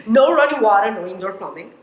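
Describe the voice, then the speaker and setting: A woman gives a motivational talk with emphatic, expressive storytelling. Her voice sits in a middle range for a woman. It carries a noticeable roomy echo, as if from a stage in a hall. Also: mid-range voice, fast. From Romania. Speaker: motivational speaker.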